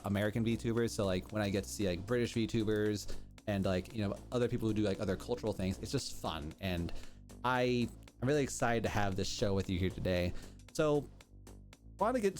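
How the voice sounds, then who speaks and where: A podcast host with a lowish, darkish voice chats casually with a guest, talking at length and with gushing enthusiasm. Music plays behind him throughout.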